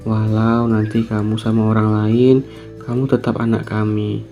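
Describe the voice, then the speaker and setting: A man's voice: lowish voice, monotone, moderate pace, warm tone, soft background music, natural voice. A man doing a grieving middle-aged mother. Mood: sorrowful.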